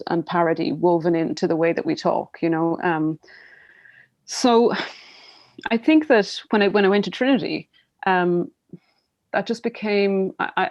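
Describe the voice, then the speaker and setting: An Irish writer in her forties, appearing as a guest, reflects thoughtfully in an interview, her voice lowish and a little mellow. She uses many fillers and keeps restarting sentences. The audio is dull and lo-fi.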